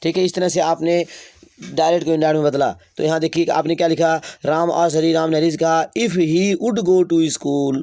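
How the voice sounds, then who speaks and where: A man's voice: on the high side, level tone, darkish tone, dry recording. Dry-voiced male teacher. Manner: slow dictation of example sentences, explaining in Hindi. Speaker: English grammar teacher. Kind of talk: classroom lesson.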